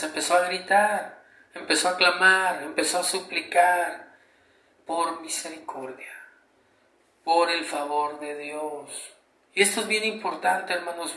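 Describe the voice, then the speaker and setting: Fervent preacher man, bright and echoey. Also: on the high side, slight background noise. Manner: fervent, rising to emphatic pleas. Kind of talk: sermon with Bible reading. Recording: echoey room.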